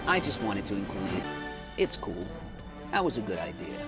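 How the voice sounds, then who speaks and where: A man recaps a movie for laughs, his pitch bouncing all over as he tosses in sarcastic jokes. Music plays clearly underneath his voice. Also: sing-song, normal speed. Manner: sarcastic, jokey asides. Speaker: movie reviewer. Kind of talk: comedic movie recap narration.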